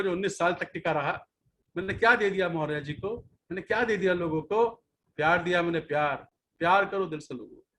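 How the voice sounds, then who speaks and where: A man in his fifties delivers a motivational talk to a room of listeners in a notably high voice. He hammers his points home by repeating phrases again and again. He lectures his team directly, in a preachy and scolding tone. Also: a bit bright. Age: 50s. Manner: emphatic, repeats key phrases over and over. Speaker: network marketing team leader.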